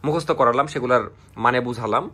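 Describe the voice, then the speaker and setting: A man's voice: mid-range voice, fast, sharp tone. A young man, vlogging casually and tutoring a younger sibling in a chatty, scolding way. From Bangladesh. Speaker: family vlogger. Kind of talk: casual vlog narration and tutoring.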